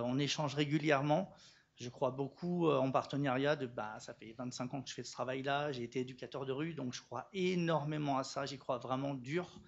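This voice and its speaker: A middle-aged man speaking as a social worker from a conference audience, halting and emotional, his voice trembling, with many restarts. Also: medium pitch, gravelly, highs cut off.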